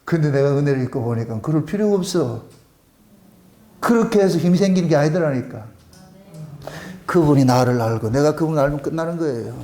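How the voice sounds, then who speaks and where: Man, Gyeongsang accent, pastor, sermon, high voice, rhetorical questions. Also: fairly quick, long pauses. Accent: Gyeongsang dialect. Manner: animated, colloquial preaching full of rhetorical questions.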